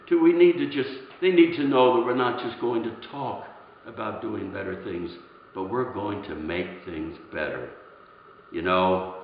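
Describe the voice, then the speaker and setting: A man as a gentle, earnest Santa Claus. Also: mid-range voice, a little hiss or hum, lightly acted. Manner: soft-spoken, earnest, halting repetitions. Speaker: Santa performer. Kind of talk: heartfelt storytelling address. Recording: echoey room, dull lo-fi sound.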